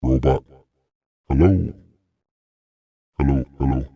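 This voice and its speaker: A man talking through a robot voice changer, calmly explaining its settings. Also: very deep voice, takes it slowly, vocal fry, no echo, highs cut off, pitched below the performer's own voice, heavily acted. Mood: flat. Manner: plain explaining, testing the effect. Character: flat robotic male machine voice.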